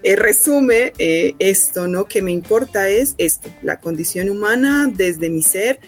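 A Colombian woman, a university professor, answering interview questions in an earnest way with slow, stressed phrases. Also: mid-range voice, animated, soft background music.

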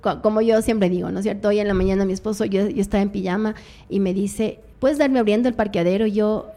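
A woman's voice: medium pitch, steady tone, fast, dark tone. A middle-aged woman, a guest on a radio talk show, telling reflective stories with many fillers.

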